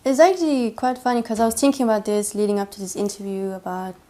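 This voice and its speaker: A hesitant Danish woman, interviewed about her own story, keeps restarting and filling gaps as she talks. Her mellow, mid-range voice holds a steady tone at a quick pace, with slight background noise behind it.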